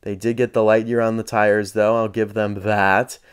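A man's voice: on the low side, flat delivery, moderate pace, clear, resonant tone. A man chatting casually as he unboxes and reviews collectible toy cars, candid and dryly sarcastic.

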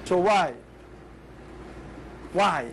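A man's voice: sits high, vocal fry, fairly bright tone, slight background noise. Emphatic Italian-accented male engineer. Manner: emphatic, halting English. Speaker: chief engineer. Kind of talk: instructing crew.

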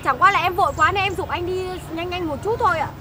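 Very high-voiced pleading woman. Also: fast talker. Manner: pleading, flustered. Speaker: hurried passenger. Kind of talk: comedy sketch acting. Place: outdoors on a city street. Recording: loud street noise outdoors.

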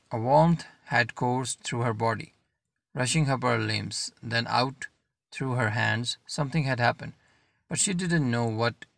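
Gravelly male audiobook narrator. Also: mid-range voice, a bit bright, no room sound.

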